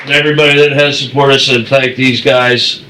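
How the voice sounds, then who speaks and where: A middle-aged man hosting a casual podcast, telling stories loudly and excitably and swearing freely. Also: mid-range voice, brisk, slight background noise, low-quality recording. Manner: loud, excitable storyteller who swears a lot. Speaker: podcast host.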